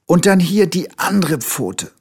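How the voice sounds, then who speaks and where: A man's voice: sits high, sing-song, slightly rough, voice pushed up, exaggerated voice. A man voicing a whiny little male tiger cub who drags out his words pitifully. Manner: drawn-out, pitiful pleading.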